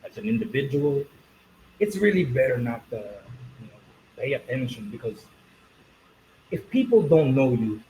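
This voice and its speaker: A man's voice: mid-range voice, darkish tone, slight background noise, rough recording. A man who fronts a metal band, talking bluntly and cursing freely as a podcast guest. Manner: blunt, profane, storytelling. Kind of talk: casual podcast chat.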